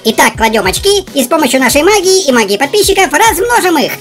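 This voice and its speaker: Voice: sits high, very animated, fast talker, a bit bright, faint music behind. A performer voicing a brash, jolly male cartoon robot dog with a swaggering manner. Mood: enthusiastic. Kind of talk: scripted cartoon dialogue.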